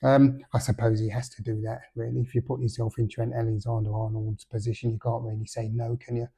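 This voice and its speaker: A man's voice: mid-range voice, level tone, a little fast, creaky, dark tone, slightly rough. A middle-aged man hosting a casual solo football podcast, hesitant with many fillers and dry, understated remarks. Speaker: podcast host.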